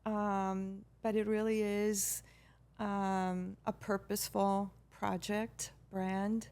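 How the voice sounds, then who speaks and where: A middle-aged woman from Peru, a guest telling her story in a measured, hesitant way with many pauses and restarts. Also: mid-range voice, level tone, darkish tone. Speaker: guest, brand founder. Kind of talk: casual interview talk.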